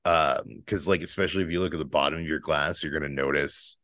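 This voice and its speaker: A man's voice: very deep voice, steady tone, fast, sharp tone, no room sound, studio quality. A man co-hosting a podcast, chatting casually over beers, laid-back and swearing freely. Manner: laid-back, swears a lot, laughs easily. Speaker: podcast co-host. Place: borrowed house, indoors.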